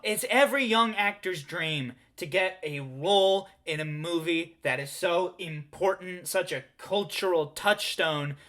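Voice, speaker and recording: A man riffing sarcastically as a comedy host. His voice is bright and tense, his delivery mocking and full of laughter. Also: high-pitched, measured pace, few pauses.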